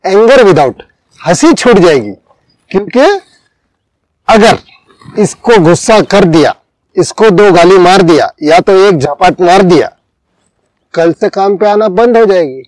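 Indian-accented man, high voice, animated casual talk, dry close mic. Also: takes it slowly, pauses often, no echo, poor audio. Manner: animated, acts out quoted speech. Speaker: homeopathy teacher. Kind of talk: casual discussion.

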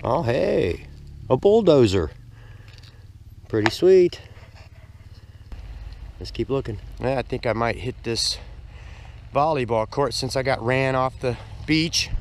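An older man casually narrating his metal detecting outdoors on a lakeside beach, easygoing and excited at each find, recorded on a body-worn camera. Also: mid-range voice, takes it slowly, long pauses, a little hiss or hum. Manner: easygoing, excited exclamations at finds. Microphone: action camera worn on the body.

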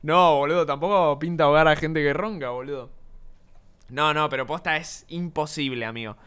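Young Argentine male streamer, rambling casual chat, slightly high, smooth and clean voice. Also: normal speed, a bit bright. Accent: Argentine Spanish. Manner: rambling, slangy, swears a lot.

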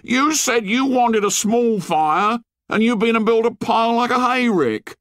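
A man's voice: very high-pitched, animated, a little slow, fairly bright tone, no room sound, studio quality, voice pushed up, exaggerated voice. A man voicing a whiny, indignant schoolboy who complains in an aggrieved, plaintive way, as an audiobook reader. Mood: whining.

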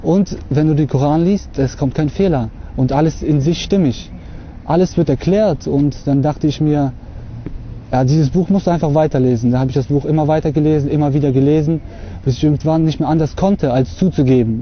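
A man's voice: fairly high pitch, a little hiss or hum. A young man from Russia giving an earnest, hesitant spoken testimony to camera outdoors on a lawn, with many filler sounds, recorded on the camera mic. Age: young adult. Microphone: camera mic at close distance. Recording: slightly dull lo-fi outdoor camera audio.

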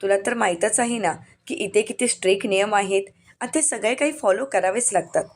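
A scheming young woman with a honeyed, coaxing voice, read by a woman narrator. She pleads and wheedles, in a medium pitch, like a dramatized storybook recap. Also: fairly quick, lightly acted. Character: scheming young woman, sweet-talking liar.

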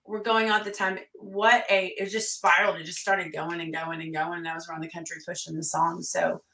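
A country singer and fiddler, appearing as a guest, tells stories animatedly in an interview chat, bursting out loudly when she acts out quotes. Her bright, forceful voice sits on the low side and runs a little fast. She is a little back from the mic in an echoey room, so she sounds slightly distant.

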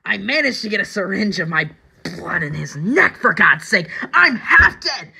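A woman voicing a manic, taunting male comic-book villain clown, theatrical and raspy, with drawn-out, swooping delivery. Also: medium pitch, big pitch swings, sharp tone, heavily acted. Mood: furious. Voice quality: raspy, strained. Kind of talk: amateur audition reading of video game villain lines.

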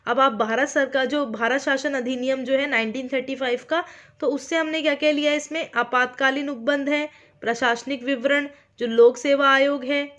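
A woman with an Indian accent and a high voice gives an online exam-prep lecture. She talks slowly and deliberately, keeps checking that her students follow, and drops English terms into her explanations. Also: a bit bright, highs cut off. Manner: speaks slowly on purpose, checking in with listeners often. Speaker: teacher.

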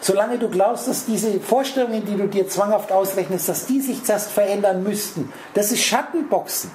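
A man holds forth on a spiritual theme, talking directly to a small audience and jumping between words and their letters. His voice is dark and mellow. The room echoes around him. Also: sits high, normal speed, a little hiss or hum. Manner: rambling, addresses listeners directly with wordplay. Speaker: lecturer. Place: lecture room.

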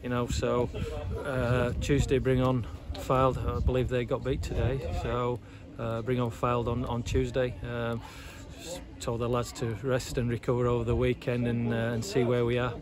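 A man's voice: medium pitch, completely flat delivery, normal speed, hardly any pauses. A middle-aged man, an assistant football manager giving a post-match interview outdoors, talking hesitantly with many fillers and repeated words. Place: outdoors at a football ground by terrace steps. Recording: loud outdoor noise, traffic.

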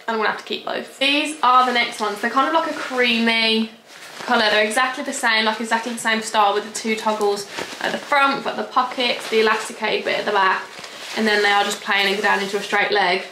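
A woman's voice: on the high side, steady tone, brisk, sharp tone. A young woman chatting through a clothing try-on haul vlog, bubbly and gushing with casual slang. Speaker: fashion vlogger. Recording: echoey room, faint hiss.

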